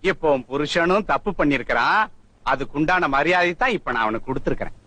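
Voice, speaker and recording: An actor playing an arrogant, bullying police inspector who swaggers and shouts threats. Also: male voice, fairly high pitch, lively intonation, quick pace, no echo, low-quality recording. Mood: swaggering. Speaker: police officer. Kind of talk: film comedy acting.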